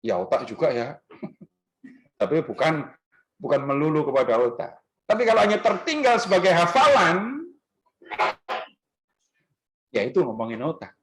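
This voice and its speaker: A man with a slightly high voice gives a casual Easter talk to a parish group in a restaurant function room. He keeps throwing questions at the audience and pushes his key words up with lively emphasis. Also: a little slow, long pauses, low-quality recording. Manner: conversational, quizzes the audience with questions. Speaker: speaker at a parish gathering.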